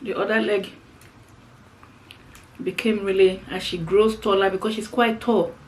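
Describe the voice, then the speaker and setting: A middle-aged woman talks casually to her viewers as she has a meal on camera. Her voice sits at an ordinary pitch, and she explains things conversationally, circling back over phrases. There is noticeable noise behind her. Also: little pitch movement, a little slow, rough recording. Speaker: mukbang vlogger. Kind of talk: casual chat to viewers while eating. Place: indoors, seated on the floor.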